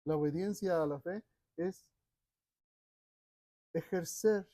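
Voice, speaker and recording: A preacher with a high, dark-toned voice delivers a sermon with dramatic swings between loud urging and near-hushed lines. The sound is dry and close, with no room echo. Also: male voice, slow pace.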